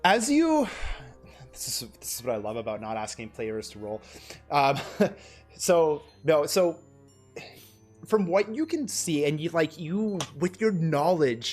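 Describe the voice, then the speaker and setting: A man's voice: on the high side, darkish tone. A man narrating a tabletop game as game master on a stream, describing scenes in a loose, rambling way with many fillers.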